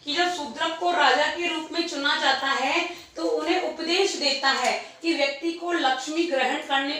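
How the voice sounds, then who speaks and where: A woman teaches an exam-prep lecture, asking the class questions, answering them herself, and repeating key points. Her voice is high-pitched and a bit bright, recorded in an echoey room with a distant mic.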